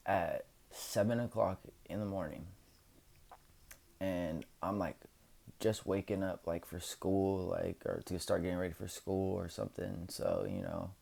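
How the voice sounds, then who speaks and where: A man's voice: deep voice, creaky, darkish tone. A man telling a casual, rambling story for a vlog, full of filler words, recorded on his camera's own microphone. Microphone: camera's built-in microphone.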